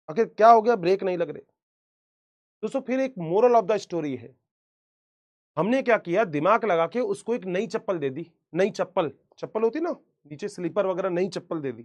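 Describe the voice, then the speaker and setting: A man teaching an online biology class, chatty and teasing, laughing at his own jokes. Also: sits high. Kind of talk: casual joking live class.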